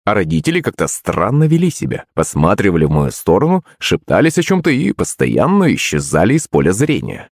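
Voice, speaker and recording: A man narrating an audiobook in an expressive way. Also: on the low side, fairly quick, few pauses, no room sound, clean studio sound.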